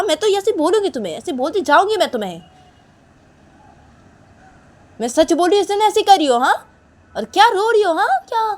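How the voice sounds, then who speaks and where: A woman voicing a suspicious young woman who nags and accuses in a low, quiet voice, ending her sentences with a questioning "haan?". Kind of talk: one-woman voiced romance story.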